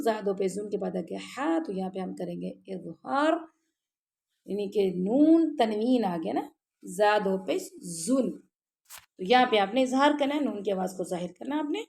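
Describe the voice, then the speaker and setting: This tajweed lesson comes from a woman who teaches Quran recitation, her mid-range voice creaky and darkish. Step by step she patiently explains pronunciation, regularly pausing for "ٹھیک ہے؟", and then recites the words in a slow, stretched-out chant between the explanations.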